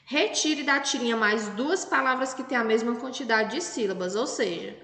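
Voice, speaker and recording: A Brazilian Portuguese woman teaching young children a lesson, talking slowly and patiently and spelling words out syllable by syllable. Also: fairly high pitch, a bit bright. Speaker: primary school teacher. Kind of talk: recorded remote class lesson. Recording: echoey room with long reverb.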